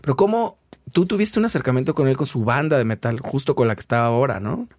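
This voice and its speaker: A man's voice: mid-range voice, lively intonation, fast, a little mellow, no room sound, studio quality. Man hosting, reflective and prompting. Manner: reflective, prompting questions with frequent backchannels. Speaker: podcast host. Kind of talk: casual conversational interview.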